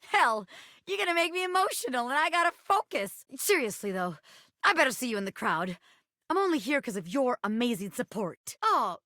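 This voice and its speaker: A woman's voice: high voice, bright, forceful tone, dry recording, clean studio sound, exaggerated voice. An actress voicing a sassy, wisecracking female bobby pin, a brash ex-gangster scammer from a video game, talking in cheeky old-time slang. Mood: warm, sentimental. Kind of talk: video game character voice acting.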